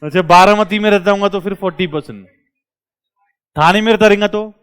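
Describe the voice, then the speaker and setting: A male commerce tutor, lecturing a classroom and quizzing his students with quick questions. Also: sits high, a bit bright, smooth.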